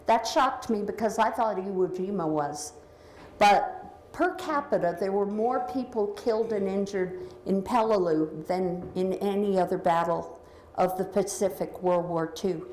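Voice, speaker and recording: A woman giving a slide talk about her book, her voice echoing through a hall's sound system as she explains pictures one by one. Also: medium pitch. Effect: big hall echo through a loudspeaker. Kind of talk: lecture presentation. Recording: echoey hall with faint noise.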